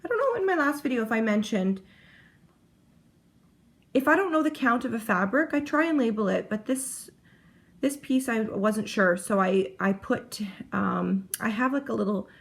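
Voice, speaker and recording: A heavily pregnant woman chats casually to camera about her cross-stitch project, rambling and often breaking off mid-sentence. Her voice is fairly high, animated and gravelly, at a moderate pace.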